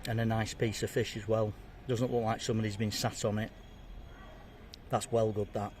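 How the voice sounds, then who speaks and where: A man's voice: fairly low pitch, little pitch movement, normal speed, a little mellow, slight background noise. A man reviews fish and chips to camera in a chatty, jokey way, chewing and talking between bites. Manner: chatty, jokey, talks while eating. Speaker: food vlogger. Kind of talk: casual food review to camera.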